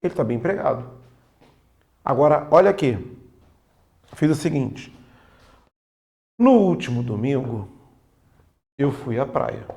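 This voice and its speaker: A man with a Brazilian accent teaching a casual online grammar lesson for exam prep, often slowing down to stress key points. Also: medium pitch, warm tone. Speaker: Portuguese teacher.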